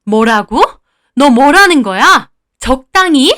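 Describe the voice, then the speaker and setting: A woman voicing an angry, scolding older mother-in-law, shrill and contemptuous. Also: expressive, normal speed, fairly bright tone. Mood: outraged.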